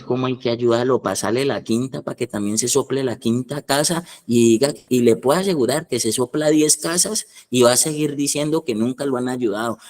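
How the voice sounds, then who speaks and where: A man preaching in a blunt, everyday way, stacking short repeated phrases to drive each point home. His voice sits at a middling pitch for a man and he leans hard on his words. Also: a little mellow. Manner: emphatic, repetitive, colloquial preaching. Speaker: apostle and head of a rehab foundation. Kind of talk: sermon.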